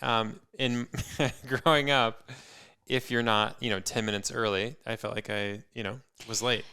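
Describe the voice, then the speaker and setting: A man's voice: medium pitch, steady tone, measured pace, bright, forceful tone, smooth. A man co-hosting a podcast in casual chat, an easygoing storyteller who laughs often. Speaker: podcast co-host.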